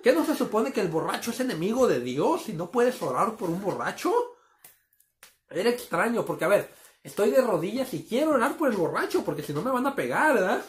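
A man's voice: sits high, very animated, brisk, reverberant, slight background noise. A man casually telling a story to his listeners, calling them friends and acting out the sound effects. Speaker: storyteller host.

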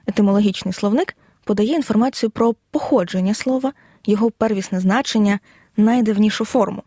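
A woman teacher giving a scripted audio lesson, explaining in a measured way and reading examples out one by one. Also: mid-range voice, mellow, no echo, studio quality. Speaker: Ukrainian language teacher.

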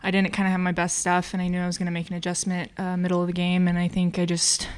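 Steady young woman at a press table. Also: lowish voice, fast talker, clean tone. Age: young adult. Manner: plain, steady answers with fillers. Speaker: college softball pitcher. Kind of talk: press conference answers. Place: press conference room. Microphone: table mic.

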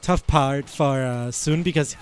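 Over faint background music, an esports commentator from Iceland chats through a headset about a fighting game match, rambling and laughing often in a playful, giggly way. His mid-range voice moves at a measured pace.

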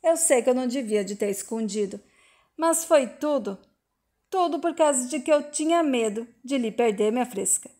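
A woman voicing a remorseful middle-aged rancher, with countrified, soft, pleading speech. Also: high-pitched, animated, moderate pace.

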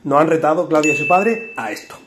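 A man's voice: a little high, expressive, brisk. A man in his thirties with a Peninsular Spanish accent, chatting casually to camera as the host of a home challenge vlog. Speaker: father hosting a food challenge vlog. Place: small home kitchen, indoors. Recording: roomy echo, clearly noisy background.

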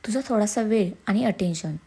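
Woman reading as a young wife, fed up, sarcastic, mellow voice, storybook. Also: medium pitch, a little fast, breathy edge. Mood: reproachful. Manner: reproachful, sarcastic.

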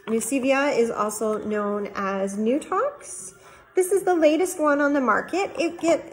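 Give me a woman doctor with a slightly high voice, explaining things in a friendly, plain way. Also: slight background noise, poor audio. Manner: friendly, plain-spoken, explains with everyday comparisons. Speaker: doctor explaining cosmetic treatments. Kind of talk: casual explainer to camera.

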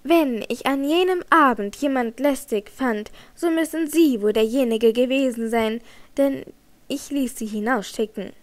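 A woman's voice: high voice, a little slow. A woman voicing a troubled young female opera singer in an audiobook, tense and evasive. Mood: tense defensive. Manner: tense, trembling, icy at times. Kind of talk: audiobook character reading.

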